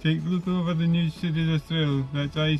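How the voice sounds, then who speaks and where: An older Scottish man outdoors, reciting a dialect poem in a steady, measured way. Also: fairly high pitch, muffled recording, soft background music. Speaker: hiking companion. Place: outdoors by a village notice board.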